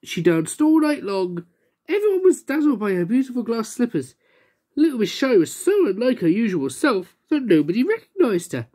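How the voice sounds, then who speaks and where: A woman reading a children's storybook aloud, her pitch rising and falling in a lively way. She brings each character to life as she goes. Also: moderate pace. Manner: expressive, voicing characters.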